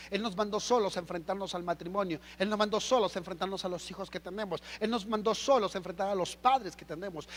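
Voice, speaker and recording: A Mexican man preaching a sermon as pastor, animated and full of rhetorical questions. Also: high voice, long reverb tail. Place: church hall.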